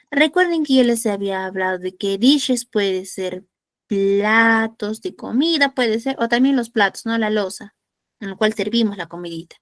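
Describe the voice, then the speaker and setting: A woman's voice: on the high side, no echo. A woman from Peru teaching an online English class, patiently checking in with the students and asking rhetorical questions.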